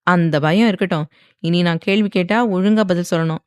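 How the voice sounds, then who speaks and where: A woman's voice: on the low side, fairly even intonation, brisk, darkish tone, clean tone, no echo, studio quality, lightly acted. A woman voicing a domineering young husband who teases and mock-threatens, in a dramatized audiobook reading. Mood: teasing.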